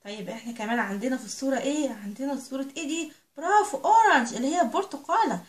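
Woman, Egyptian Arabic accent, high voice, kindergarten lesson, asks the children questions, stretches English words. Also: very fast, echoey room. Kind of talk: recorded lesson for young children.

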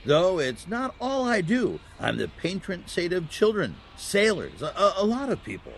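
Kindly old Santa voiced by a man, storybook saint for family audio drama; gravelly, higher-set, swooping delivery. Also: wildly swooping pitch, moderate pace, a little hiss or hum, full character voice. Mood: gently explaining. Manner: gentle, explanatory, storytelling.

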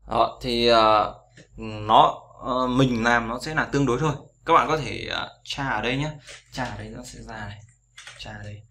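A man's voice: medium pitch, normal speed, vocal fry, pushed and bright. A man teaching English pronunciation in a casual tutorial, repeating each sound over and over with frequent fillers.

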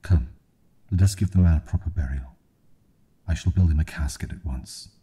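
A man voicing a sturdy young lover in ASMR storytelling, speaking calmly and reassuringly. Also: a bass voice, moderate pace, breathy edge, exaggerated voice. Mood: comforting. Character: sturdy young farmhand lover, caring and steady.

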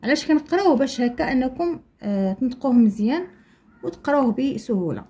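A young Moroccan woman teaching young children to write letters, slowly stretching out syllables and repeating them for the class to copy. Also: high voice, lively intonation, dark tone, slightly rough. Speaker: primary school teacher. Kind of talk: slow, patient handwriting lesson for young children.

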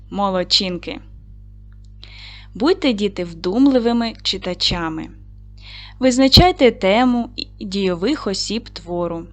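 A woman teacher giving a reading lesson to young children, with a clear, encouraging manner that leads them through questions. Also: medium pitch, a bit bright. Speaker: primary school teacher.

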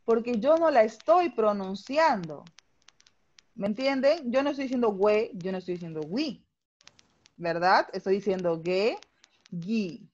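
A woman's voice: a little high, animated, normal speed, darkish tone, muffled recording. A woman teacher with a Peruvian Spanish accent, explaining a grammar lesson patiently in an online class and checking understanding with frequent tag questions.

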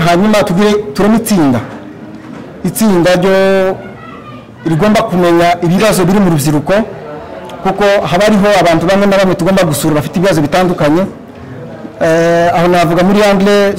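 Young man from Congo, high voice, halting campaign speech at a stand mic in a large hall. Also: a little mellow. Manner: halting, with many fillers and restarts. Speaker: candidate for youth leadership. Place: large plain hall, indoors.

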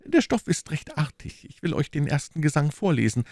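A vain, affected young musketeer with poetic airs, read aloud by a man. His voice is pitched high above the reader's own and swoops about with lively flourishes. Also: brisk, gravelly, dry recording, clean studio sound, heavily acted. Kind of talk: audiobook character reading.

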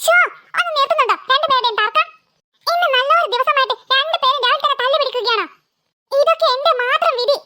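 A woman's voice: extremely high pitch, quick pace, sharp tone, no room sound. A woman voicing a harried cartoon mother who scolds her two daughters. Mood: scolding. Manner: nagging, exasperated scolding.

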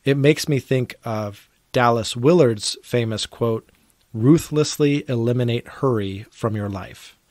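A man from Oregon co-hosts a casual podcast chat, reflective and earnest, quick to laugh. His voice sits in a middle register. The sound is dry and close to the mic. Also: mid-range voice, darkish tone, dry recording. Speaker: podcast co-host. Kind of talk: casual phone conversation.

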